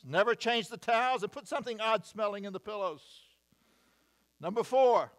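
High-voiced older pastor preaching. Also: male voice, fairly bright tone. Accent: American. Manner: measured, wry asides, reading lists emphatically. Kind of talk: sermon. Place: church sanctuary, at a wooden pulpit. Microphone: pulpit mic, far camera.

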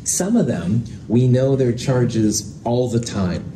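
A man's voice: mid-range voice, lively intonation, takes it slowly, dark tone. Guy professor teaching in a big echoey lecture hall, casual and self-deprecating, mic far off with lots of noise. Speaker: chemistry professor. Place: indoor lecture hall with projector screen and chalkboard. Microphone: distant from the speaker. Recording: roomy lecture hall, distant mic, noisy.

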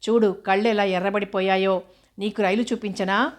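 A woman reading the part of a gentle, self-sacrificing elderly mother in her own voice, soothing and coaxing. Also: mid-range voice, fairly even intonation, moderate pace, lightly acted.

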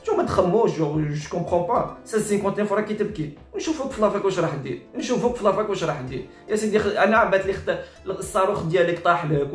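Casting: Algerian male online commentator, exasperated and repetitive, rapid-fire delivery, echoey room with faint music behind. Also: on the high side. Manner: exasperated, repetitive, mixes Arabic with French. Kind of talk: informal reaction commentary. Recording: roomy echo with faint music.

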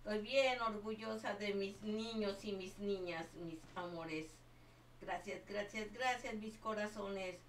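A woman's voice: medium pitch, slow pace, a little hiss or hum. Doting older woman streaming a game. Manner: doting, calls everyone my child and my love. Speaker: livestreaming gamer. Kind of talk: live game stream chat. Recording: echoey room, far from the mic.

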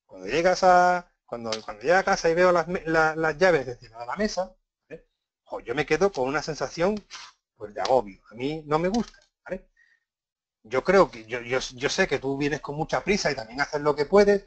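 A man from Spain giving a live workshop on assertive communication, often checking in with the audience and acting out example phrases. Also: fairly high pitch. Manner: frequent "¿vale?" checks and restarts, acts out example phrases. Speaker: workshop speaker. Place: conference room.

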